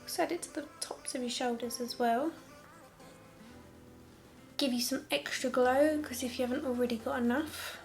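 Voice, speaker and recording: A woman's voice: high-pitched, fairly even intonation, normal speed, pauses often, darkish tone, soft background music. A young woman talking through a makeup tutorial in a casual, candid way, with sarcastic asides.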